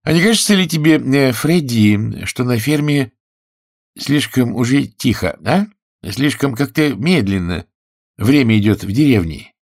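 A man's voice: medium pitch, lively intonation, a little slow, a little mellow, dry recording, clean studio sound, pitched above the performer's own voice. A man reading a story aloud and voicing a cheeky, restless young woman thief with a coy, teasing manner. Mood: defiant. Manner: coy, teasing, then defiant. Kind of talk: audiobook character voice.

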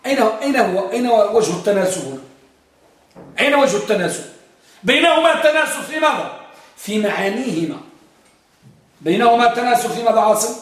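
A man with a high voice teaches a grammar lesson, pressing his students with repeated questions and stretching out example words. He is recorded from a distance in a strongly echoing classroom. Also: lively intonation, fast talker, pauses often. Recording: very echoey room, mic far off.

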